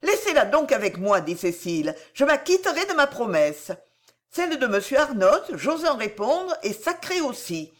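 A woman's voice: sing-song, normal speed. Anxious earnest young woman, read in a raised voice by a female narrator. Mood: urgent, pleading. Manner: raised pitch, urgent and pleading. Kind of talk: audiobook character reading.

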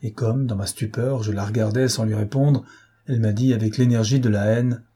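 A man's voice: fairly low pitch, steady tone, a little fast, warm tone, husky. A man voicing a grief-stricken middle-aged father, speaking in anguish. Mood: despairing. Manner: anguished, pleading.

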